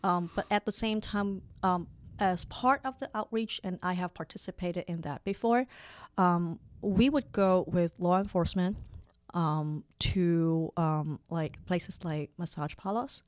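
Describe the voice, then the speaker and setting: A woman in her forties from Hong Kong, a lawyer being interviewed, talking in a halting way with many fillers and restarts. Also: fairly low pitch, no echo, clean studio sound. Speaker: lawyer guest. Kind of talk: conversational interview.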